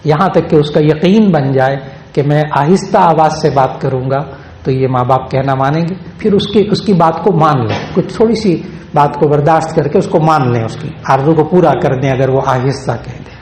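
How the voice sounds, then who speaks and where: A man's voice: on the high side, darkish tone, a little hiss or hum. A male Islamic scholar giving a sermon, repeating phrases for emphasis and reciting verses in a melodic chant. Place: Lahore. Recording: echoey hall with faint ambience.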